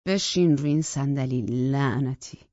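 Woman narrator doing a bitter, menacing husband; husky, low-pitched, storybook thriller. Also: warm tone, no room sound, dull audio. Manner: harsh, accusing, bitter. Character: angry menacing grieving husband, man.

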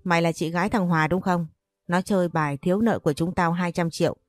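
A woman's voice: lowish voice, fairly even intonation, quick pace, no echo, soft background music, natural voice. A woman voicing a coarse, ruthless male loan shark who makes blunt threats in an audio story. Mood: menacing.

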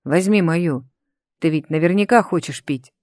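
Female reader as a quiet, clipped young hunter: low, murmured, wary. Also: normal speed, no echo, studio quality, close to an everyday voice. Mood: menacing. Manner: low, hushed, terse. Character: grim young man, a hunter, quiet and watchful.

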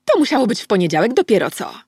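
A woman voicing a chatty, nosy middle-aged neighbour who talks in a raised, excitable way for an audiobook. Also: medium pitch, racing, slightly rough, no echo, clean studio sound, pitched above the performer's own voice, exaggerated voice. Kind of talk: audiobook character voice.

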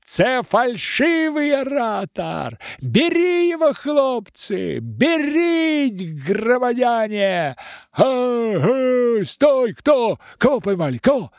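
A man voicing shrill, panicky voices yelling in a street crowd, thin and ringing. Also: sing-song, extremely slow, gravelly, no room sound, clean studio sound, heavily acted. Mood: frantic shouting. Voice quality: thin, ringing, high and strained.

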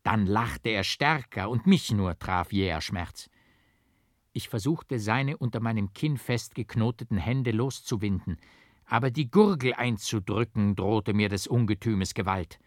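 A man reading a dark old tale aloud as a narrator, with strong stresses and a firm rhythm. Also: fairly low pitch, a little slow, dry recording, studio quality. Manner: expressive, strongly rhythmic and emphatic. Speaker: audiobook reader. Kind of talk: dramatic literary reading. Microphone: close studio mic, dry.

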